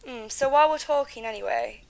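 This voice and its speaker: A woman's voice: fairly high pitch, fairly quick, creaky, poor audio. A British woman playing an affectionate, eager wife and mother calling home news in an audio drama. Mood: hopeful, coaxing.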